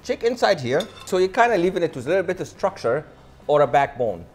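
This cooking-show host is a man in his thirties with a high, sing-song voice, a darkish tone and a fast delivery. He demonstrates recipes in a modern indoor studio kitchen on a lapel mic. His manner is enthusiastic and showy, a showman speaking straight to the audience.

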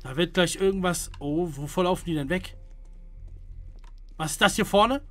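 A young man giving casual gameplay commentary to his viewers, jumping between hushed whispers and loud startled calls. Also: high voice, normal speed, soft background music. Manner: jumpy, hushed then loud, talks to viewers. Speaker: gaming streamer.

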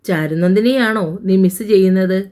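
A woman voicing a firm, brisk male senior doctor who teases his friend. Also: medium pitch, mellow, close to an everyday voice.

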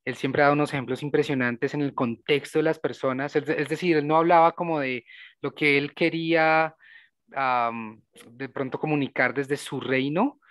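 A man's voice: on the high side, fairly even intonation, moderate pace, fairly bright tone, dry recording. A man, a teacher hosting a casual interview, asking thoughtful questions with hesitant fillers. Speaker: host and teacher.

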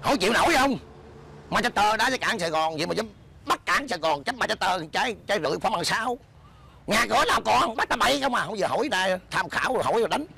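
Guy doing a gravelly beggar husband, bossy, rattles off fast. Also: sits high, lively intonation, bright, forceful tone, heavily acted. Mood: scolding. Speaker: comic actor. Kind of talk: comedy sketch acting.

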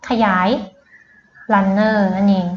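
A woman's voice: medium pitch, monotone, very slow, a little hiss or hum. A woman tutor giving a patient lesson, quizzing her student step by step and mixing English words into her explanations. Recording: roomy, dull lo-fi sound.

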